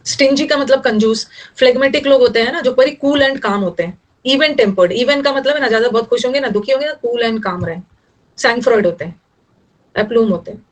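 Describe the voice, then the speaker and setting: A woman's voice: fairly high pitch, brisk, low-quality recording. A young woman teaching English vocabulary in Hindi, explaining word meanings and teasing her students a little. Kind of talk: online vocabulary lesson.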